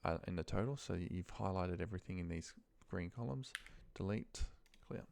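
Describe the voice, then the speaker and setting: Demonstrating a spreadsheet task, this instructor has a low, creaky voice with a somewhat dark tone and a moderate pace. The tutorial is a casual, unscripted screen share, and he mutters to himself informally while working.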